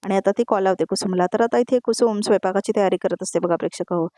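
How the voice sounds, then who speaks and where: Woman, voice-over recap narrator, warm mellow tone, close dry sound, storytelling to the audience. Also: medium pitch, fast, no echo. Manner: storytelling, addresses viewers directly.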